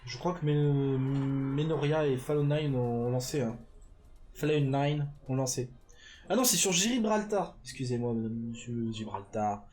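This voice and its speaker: A man's voice: a little high, darkish tone. A man casting a live esports match, chatty and loose, filling gaps with fillers and fixing his own slips as he goes. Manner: chatty, full of fillers and quick self-corrections. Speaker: esports caster. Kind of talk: live game commentary.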